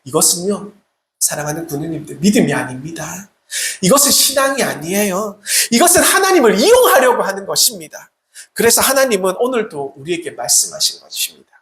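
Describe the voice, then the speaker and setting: Lively preacher in an echoey church. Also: mid-range voice, brisk. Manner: rhetorical questions, acts out quoted prayers and replies. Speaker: Salvation Army officer preaching. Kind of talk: sermon. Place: church sanctuary.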